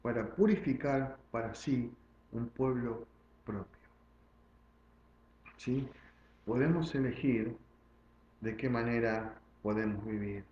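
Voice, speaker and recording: A man's voice: mid-range voice, darkish tone, roomy sound, lo-fi sound, slight background noise. A man preaching a sermon as pastor, stressing and repeating key phrases and often checking in with the congregation. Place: church sanctuary.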